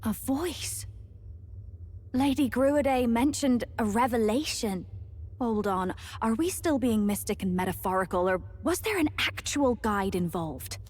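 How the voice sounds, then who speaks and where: A sceptical young female travelling companion in a fantasy video game. Her voice is higher with a husky edge, practical and questioning. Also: animated, measured pace, darkish tone. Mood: sceptical, curious. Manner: questioning, matter-of-fact.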